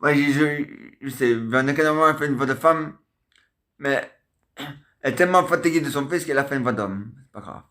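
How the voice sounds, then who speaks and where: A man's voice: medium pitch, fast, sharp tone. A man hosting a homemade comic theatre sketch, muttering asides and filling his talk with little fillers. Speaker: amateur puppeteer and show host.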